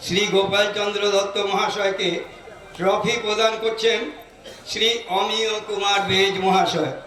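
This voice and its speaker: A man announces in a high, evenly pitched voice with solemn, measured phrasing. He sounds like a formal master of ceremonies over an echoing stage sound system, recorded from a distance with a crowd around. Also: level tone, sharp tone. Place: village stage event.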